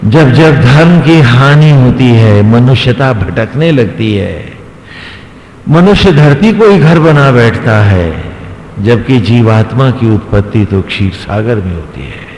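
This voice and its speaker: A man voicing a calm, gentle male god in a sermon story, speaking slowly and solemnly in a gently instructive way, in an echoey hall. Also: medium pitch. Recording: echoey hall, faint background noise.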